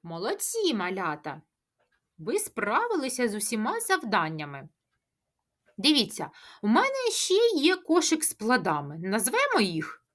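A woman teaching a speech lesson to preschoolers, asking questions, answering them herself and chanting tongue twisters slowly. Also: a little high, huge pitch swings, a bit bright. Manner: sing-song, drawn-out tongue-twister chanting. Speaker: kindergarten teacher.

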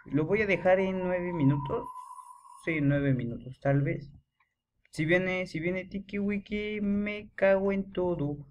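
A teenage boy, giving excitable horror gameplay commentary, chanting and yelling when scared. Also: high-pitched, slow pace, lo-fi sound, a little hiss or hum. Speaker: gamer.

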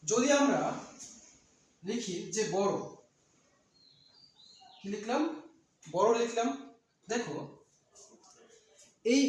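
A man's voice: sits high, darkish tone. A man teaching an exam-prep grammar lesson, repeating points and asking and answering his own questions. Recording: echoey room with faint noise.

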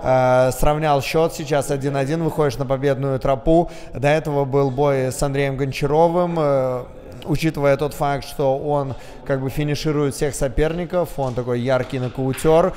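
A man in his thirties with a mid-pitched voice asks questions as a sports interviewer. His voice carries long reverb from a big hall. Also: fairly even intonation, normal speed, mellow. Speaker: post-fight interviewer. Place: backstage interview wall at indoor arena. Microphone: handheld microphone.

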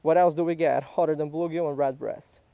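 Fishing outdoors at a small creek in a park, a man casually coaches a child and quizzes them with patience, filmed with a head-mounted action camera. His voice is on the high side, creaky and dark, steady in tone and a little fast. The sound is dry and lo-fi.

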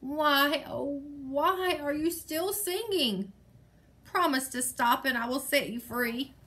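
Storybook: cranky threatening mayor, snappy, bright edge, voiced by a woman. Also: high-pitched, animated, a little slow, slight background noise, pitched above the performer's own voice, heavily acted. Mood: exasperated. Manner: snapping, scolding, exasperated. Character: grumpy bossy male village mayor, threatening. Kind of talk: reading a picture book aloud.

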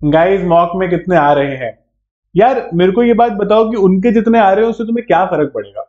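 In a high, animated, fairly quick voice, a male law entrance exam teacher with an Indian English accent leads a live online prep session. He chats away and checks in often using tag questions, while the echoey room gives a dull lo-fi sound.

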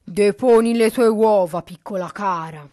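A woman voicing a loud, hungry male ogre giant who chants slow threats and barks orders. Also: mid-range voice, no room sound, clean studio sound, close to an everyday voice. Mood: commanding.

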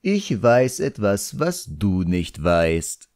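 A man's voice: fairly low pitch, sing-song, a little mellow, no room sound, studio quality, heavily acted. A man reading an audiobook, voicing an ancient sardonic male djinn who mocks and draws out his words. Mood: mocking. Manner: mocking, drawn-out, teasing.

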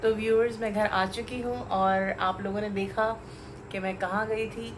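A woman's voice: mid-range voice, little pitch movement, moderate pace, loud music behind the voice. A woman, chatting upbeat to her vlog viewers, filmed on a phone held at arm's length. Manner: chatty, upbeat, enthusiastic recommending. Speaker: lifestyle vlogger. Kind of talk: casual vlog narration. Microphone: phone camera at arm's length.

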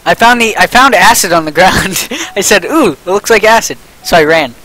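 A young man livestreaming a game with a friend, excitable and jokey, reading prompts aloud as he plays. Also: high-pitched, moderate pace, low-quality recording. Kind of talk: casual gaming chat.

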